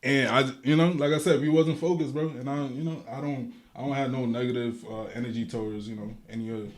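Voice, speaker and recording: Talking fast in a steady, medium-pitched voice, a young Guatemalan rapper appears as an interview guest. His easygoing, slangy speech is packed with fillers and restarts.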